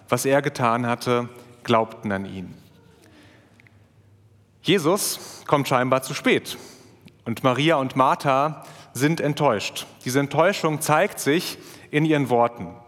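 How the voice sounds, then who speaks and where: A man preaching a sermon, reading scripture aloud and then explaining it in his own words, with a few small restarts. His voice sits a little high for a man, and it rings in a hall with a long reverb.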